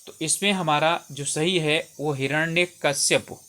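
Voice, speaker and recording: Male exam tutor with a slightly high voice; steady step-by-step walkthrough of answers, repeats key words. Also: unhurried. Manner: explains step by step, repeats words and says "theek hai" often.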